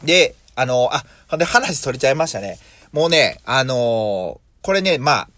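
A man's voice: medium pitch, very animated, moderate pace, a bit bright, dry recording. A man in his thirties from Mie, Japan, hosting a casual solo podcast as a vegetable farmer, thinking aloud with many fillers and self-corrections. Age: 30s.

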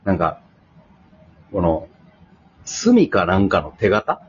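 A man's voice: low-pitched, slow pace, husky. A man with a Kansai accent, co-hosting a casual chat among friends and telling a story with acted-out quotes. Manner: animated storytelling, acts out quotes. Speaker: podcast co-host. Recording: dull lo-fi sound with faint noise.

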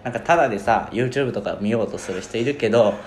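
A man's voice: mid-range voice, fast. A young man co-hosting a podcast in casual banter, speaking informally and often repeating phrases for emphasis. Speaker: podcast co-host. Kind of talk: casual banter between friends. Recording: roomy echo, faint background noise.

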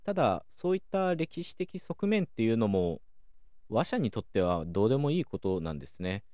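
A man hosting a calm solo talk show, explaining things in a measured way with many soft fillers. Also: fairly low pitch, no echo, clean studio sound. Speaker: podcast host.

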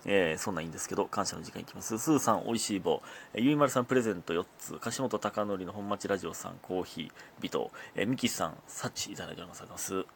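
A man's voice: low-pitched, rapid-fire, gravelly, hardly any pauses, a little hiss or hum. A man with a Kansai accent hosting his own casual solo talk show, chatty and often laughing as he talks. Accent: Kansai Japanese. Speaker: comedian podcast host.

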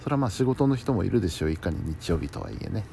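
Low-voiced man in a gravelly, musing chat. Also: lively intonation, racing, warm tone. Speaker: host of a personal bedtime talk show. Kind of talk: casual solo chat. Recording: faint background noise.

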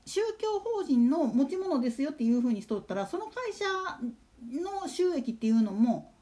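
A woman hosts a casual solo radio talk show, chatting and putting rhetorical questions to her listeners. Her voice is high-pitched and mellow, with big pitch swings and a moderate pace.

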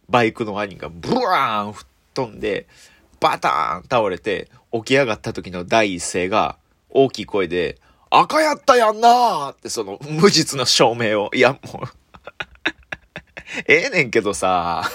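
A man with a Kansai accent, a comedian telling a story on his solo radio talk, lively with sound effects and frequent laughter. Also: on the low side, no echo, studio quality. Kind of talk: casual solo radio chat.

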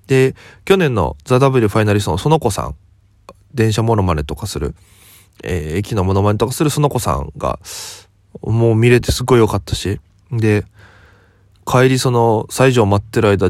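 A young man from Okinawa who has just rolled out of bed, his voice sitting low and sleepy. He rambles through a story at an easy pace, quoting friends as he goes. The sound is close and dry, with no room around it. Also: darkish tone, no echo. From Okinawa, Japan. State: just woken up, voice lower than usual. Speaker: comedian. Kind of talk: casual solo talk.

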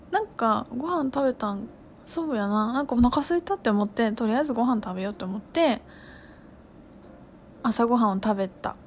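A woman, casually talking through her feelings in an animated, expressive way. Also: a little high, moderate pace, long pauses, slight background noise. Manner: animated, acts out her own outbursts and shouts. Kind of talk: casual spiritual monologue.

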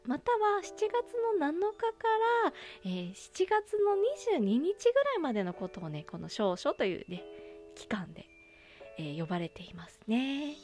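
Soft-spoken, high-voiced woman hosting with lilting intonation. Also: wildly swooping pitch, moderate pace. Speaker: host of an aroma talk show. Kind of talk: soft-spoken scripted-style monologue on aromatherapy. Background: music.

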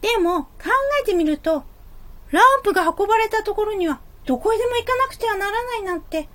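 Brazen, flighty office lady played by a woman: extremely high voice, blunt teasing, theatrical stage-comedy delivery. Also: quick pace, fairly bright tone. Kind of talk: comic stage play acting.

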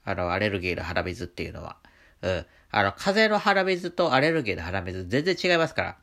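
Low-pitched man with a stuffy nose, lively intonation. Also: creaky. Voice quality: congested, nasal voice from allergies. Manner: chatty, halting, with frequent trailing sentence particles. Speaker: radio talk host, painter. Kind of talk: casual solo radio monologue.

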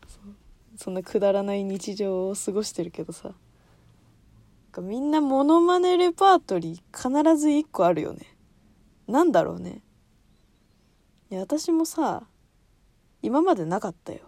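A woman's voice: mid-range voice, lively intonation, moderate pace, long pauses, a little mellow, no room sound. A young woman hosting a casual solo talk show, chatting in a rambling way and laughing often.

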